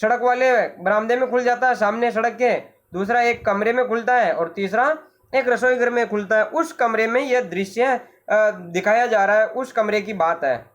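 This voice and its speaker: Teacher walking a class through a text, slow and repetitive, explains word meanings. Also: medium pitch. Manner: explains slowly, repeats and restates word meanings. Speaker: Hindi teacher.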